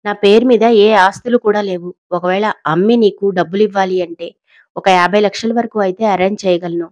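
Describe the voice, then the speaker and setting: A woman's voice: mid-range voice, steady tone, fairly quick, darkish tone, dry recording, lightly acted. A woman voicing a proud cornered matriarch. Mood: tense. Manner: arrogant, angry, pleading. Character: proud powerful older woman, cornered and angry.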